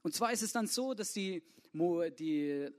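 His voice sits high, the intonation lively and the pace unhurried, with a darkish tone. A young man from Swabia, he preaches an informal youth sermon loaded with slang, constantly asking the audience "oder?" so they'll agree.

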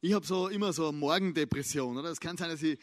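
A lively male preacher tells a story in a relaxed, colloquial sermon, acting out its people and checking in with "oder?". His voice sits high for a man and the sound is close and dry, with no room in it. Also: fast talker, no echo. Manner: animated and colloquial, acts out quotes, asks "oder?" often.

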